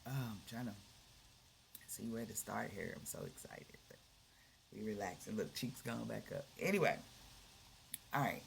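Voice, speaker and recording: A woman hosting a spiritual livestream, speaking colloquially and with energy, repeating key phrases and easing into soft, near-whispered breathing guidance. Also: rumbling low, gravelly, a little hiss or hum. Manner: guides breathing softly, drops to near whispers. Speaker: livestream host.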